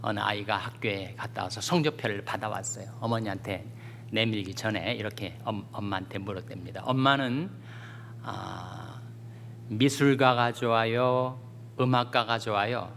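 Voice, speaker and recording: Bright-voiced man preaching in echoing church. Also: lowish voice, moderate pace, creaky, slight background noise. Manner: folksy storytelling with jokes, rising to fervent scripture reading. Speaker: pastor. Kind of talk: sermon. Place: church sanctuary. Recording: long church reverb.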